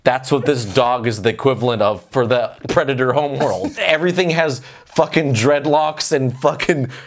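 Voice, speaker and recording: A man's voice: medium pitch, normal speed, slight background noise. A man in a casual, comedic movie review chat, loose and rambling as if getting drunk, swearing and ranting and acting out mock dialogue. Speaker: film review host.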